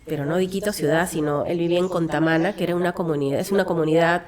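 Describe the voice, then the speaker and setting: A woman's voice: lowish voice, steady tone, racing. A Peruvian woman, a hospice founder, speaking in an earnest, reflective way and telling a story in an interview, with frequent fillers and restarts. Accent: Peruvian Spanish. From Peru. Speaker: guest, founder of a children's hospice.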